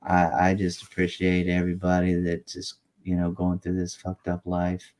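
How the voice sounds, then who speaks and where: A man's voice: sits low, completely flat delivery, moderate pace, a little mellow. A man in his late fifties in casual, rambling chat, cursing freely. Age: late 50s. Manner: rambling, profane.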